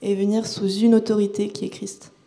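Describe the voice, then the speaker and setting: Mellow, even-toned woman interpreting. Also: mid-range voice, fairly quick. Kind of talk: consecutive interpreting, informal.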